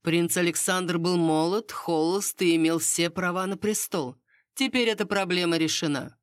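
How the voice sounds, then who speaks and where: A woman's voice: lowish voice, normal speed, dry recording, natural voice. A woman reading the part of a sardonic, unflustered aristocratic court lady with dry irony. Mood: ironic.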